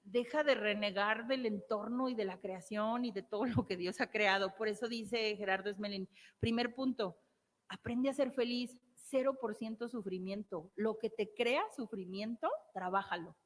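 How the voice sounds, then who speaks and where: A woman's voice: medium pitch, moderate pace. Mexican woman therapist in a reverberant hall. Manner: emphatic, repeats key phrases and asks rhetorical questions. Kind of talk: motivational talk.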